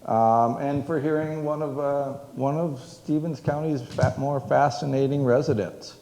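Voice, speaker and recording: A man's voice: medium pitch, fairly even intonation, a little slow, warm tone, a little hiss or hum. A man, a museum director, giving a public history talk to an audience, rambling with many fillers and restarts. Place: museum event room. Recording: echoey hall with long reverb.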